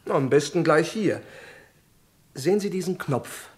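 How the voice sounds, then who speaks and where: In a German radio crime drama, a male actor voices a courteous, confident intelligence security expert who explains things in a formal, matter-of-fact way. His voice is on the high side and animated, delivered at a measured pace.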